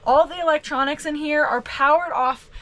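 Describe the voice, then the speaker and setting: A woman's voice: high voice, moderate pace, a bit bright. A woman vlogger giving a casual walkthrough tour, speaking to camera from inside a small camper van.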